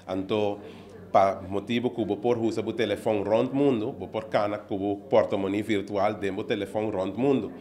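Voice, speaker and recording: Low-voiced man explaining his business. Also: darkish tone. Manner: earnest, explaining step by step with many fillers. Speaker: business owner being interviewed. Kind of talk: on-camera news interview. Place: indoor office at an opening event. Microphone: handheld reporter mic held close.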